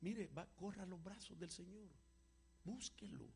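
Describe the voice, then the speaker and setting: A man preaching and answering a question with a personal testimony, an emotional storyteller whose voice swings from loud to hushed. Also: high voice, unhurried, vocal fry, husky. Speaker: apostle answering congregation questions.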